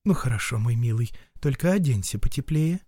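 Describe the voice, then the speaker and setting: Man doing a gentle, stubborn young noblewoman. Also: mid-range voice, lively intonation, a little fast, dry recording, clean studio sound, natural voice. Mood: pleading, warm. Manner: soft, pleading, earnest.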